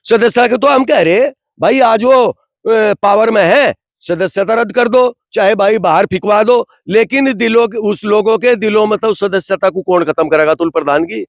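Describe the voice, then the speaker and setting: A community member gives an impassioned, indignant street interview packed with rhetorical questions, repeatedly saying "bhai." His voice is high-pitched at a normal speed, and the studio-quality recording has no echo.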